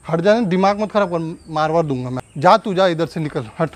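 A man with a high voice scolds and threatens in a staged home argument. Faint noise sits behind him. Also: expressive, fairly quick. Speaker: prankster husband.

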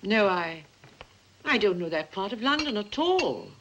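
A woman's voice: medium pitch, very animated, unhurried, lo-fi sound, noisy background. An actress playing a refined upper-class lady patron who speaks in a genteel, effusive way, in 1950s film style.

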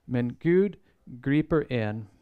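A man giving a sermon-style Bible lecture, measured and earnest, pausing often and restarting phrases as he thinks. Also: medium pitch, animated, clean tone, phone-quality sound. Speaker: Bible seminar speaker.

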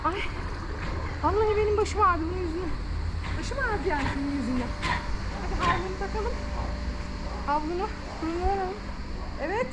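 A woman hosting a family vlog outdoors by a pool, coaxing and calling to her dog in a lively way. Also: very high voice, brisk, pauses often. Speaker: mother and vlog host. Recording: noisy outdoor recording.

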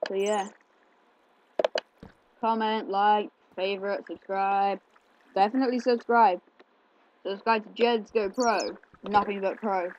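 Guy chatting slowly over a game, lots of ums, slightly dull mic with keyboard clicks. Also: sits high, level tone, background noise. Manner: rambling, chatty, with many fillers. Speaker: gameplay channel host. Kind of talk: casual gameplay commentary. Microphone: desk mic picking up keyboard clicks.

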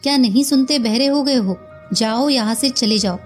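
A woman voicing a grief-stricken, volatile male professor who shouts through tears. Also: normal speed, soft background music, lightly acted. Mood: distraught. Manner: shouting, tearful, raised pitch.

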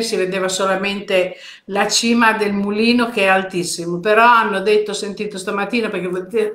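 A woman's voice: mid-range voice, a bit bright, reverberant. Older woman chatting live with viewers. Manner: chatty, greets viewers by name, drifts between topics. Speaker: host of a weekly live stream. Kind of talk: casual live chat reading viewer comments.

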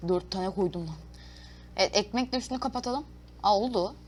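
A woman chats her way through a video game, reading prompts aloud and cursing playfully as she goes. Her pitch sits at an ordinary middle for a woman. A faint hiss and the click of a keyboard run underneath. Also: fairly quick, darkish tone. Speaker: gaming YouTuber. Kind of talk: casual let's-play commentary.

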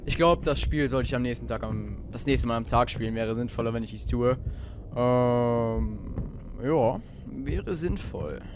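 A teenage boy plays a horror game and cracks nervous jokes to his viewers, breaking into sudden shouts, while faint game ambience sits behind him. His voice is mid-range and his pace measured, with a noisy background. It's horror let's-play commentary from a gamer.

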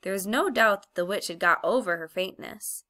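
Bright-voiced woman reading a storybook. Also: medium pitch, moderate pace. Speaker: audiobook reader. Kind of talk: storybook narration.

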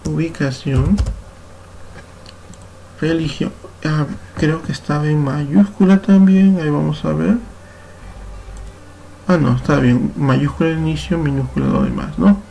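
Man, Peruvian Spanish accent, computer teacher, gravelly and mellow voice, step-by-step tutorial, faint music behind. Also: a little high, a little slow, pauses often, slight background noise. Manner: patient, step-by-step, self-correcting. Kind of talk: screen-recorded software tutorial.

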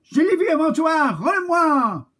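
A man voicing an angry cat in a children's story, yelling threats in a shrill, husky voice. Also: very animated, unhurried, heavily acted. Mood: furious. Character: angry shrieking cat chasing a thief.

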